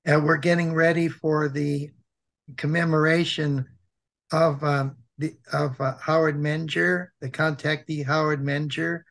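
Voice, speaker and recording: An older American man co-hosting a web program, presenting informally and reading aloud, hesitant and repeating himself, with a thick, sore-throat voice and frequent throat clearing. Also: a little high, level tone, fairly bright tone. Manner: halting, hesitant, with many pauses and repeats.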